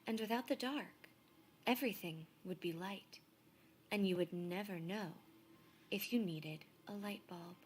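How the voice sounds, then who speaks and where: A woman narrates a children's picture book at a slow pace and medium pitch. Her reading is expressive and measured, with phrase endings often dropping to a hush. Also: slight background noise. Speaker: storybook reader.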